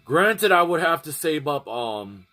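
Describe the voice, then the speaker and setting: A man's voice: fairly high pitch, big pitch swings, unhurried, pushed and bright, soft background music. Rambling man chatting to his stream. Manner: rambling, restarts and repeats phrases. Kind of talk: casual chat to a livestream audience.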